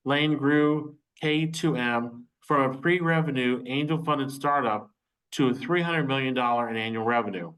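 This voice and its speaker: Male webinar host over a video call, reading an introduction, measured, mid pitch. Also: a bit bright, rough recording. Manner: measured, reads from notes with small slips.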